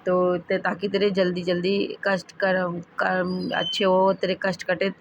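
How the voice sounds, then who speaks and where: A woman's voice: lowish voice, monotone, measured pace, lo-fi sound, a little hiss or hum. A woman sharing devotional experiences in a rambling way, with many restarts and fillers. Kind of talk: devotional testimony talk.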